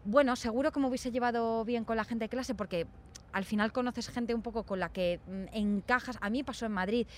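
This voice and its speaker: A woman's voice: on the high side, a little fast, a little hiss or hum. A young woman from Spain chatting casually and telling stories, acting out the voices of people she quotes. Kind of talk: casual chat.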